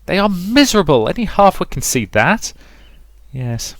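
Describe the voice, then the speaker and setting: A man voices a brash, sweary, dramatic sixteen-year-old girl in a visual novel, complaining emphatically in an indignant, blunt mood. His exaggerated voice is high-pitched, pitched above his own, very animated, and fairly bright, at a moderate pace. The studio-quality recording has no echo.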